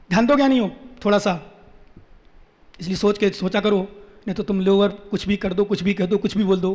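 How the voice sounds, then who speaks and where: A man, a monk, giving a quick sermon and often asking the listeners questions. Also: high-pitched, darkish tone. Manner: quick-talking, questions the audience, teasing. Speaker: Jain monk. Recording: echoey hall.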